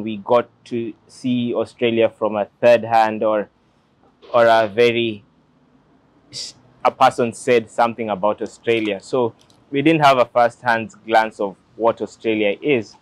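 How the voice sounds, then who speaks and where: A Kenyan-accented lawyer in his late twenties speaks earnestly and reflectively to an interviewer, sharing his story in a relaxed way. His voice is medium-pitched, and the lapel-mic recording, made outdoors beside a glass building, has no room sound.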